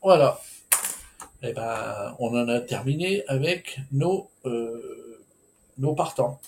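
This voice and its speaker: A man walks through the runners of a horse race at a slow, unhurried pace. His delivery is hesitant and informal, full of filler sounds, restarts and casual asides. His voice sits at an ordinary middle pitch. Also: a little mellow, a little hiss or hum. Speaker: horse racing tipster. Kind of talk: solo racing preview commentary.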